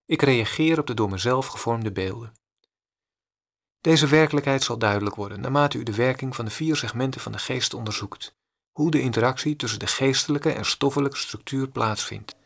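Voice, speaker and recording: A man reading a meditation teacher's discourse in a slow, deliberate, repetitive way. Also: mid-range voice, creaky, a bit bright. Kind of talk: read-aloud spiritual discourse.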